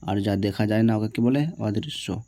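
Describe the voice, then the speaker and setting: A man's voice: fairly low pitch, moderate pace, warm tone, no room sound. A man teaching, working through exam answers one by one and often checking with his students. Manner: reads each question, answers it, checks with "ঠিক আছে?".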